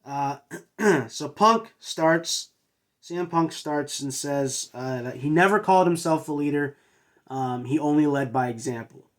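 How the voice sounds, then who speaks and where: A man's voice: a little high, lively intonation, unhurried. A man hosting a wrestling review, casually recapping in a hesitant way with many uhs and restarts. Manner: hesitant, filler-heavy with frequent uhs and restarts. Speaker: wrestling show reviewer and host.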